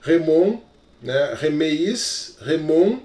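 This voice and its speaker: A man's voice: fairly high pitch, very animated, extremely slow, a little mellow. A male teacher with a Brazilian Portuguese accent, giving a recorded lesson in an explanatory way, full of little check-in fillers. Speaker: Greek teacher. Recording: echoey room, voice from far off.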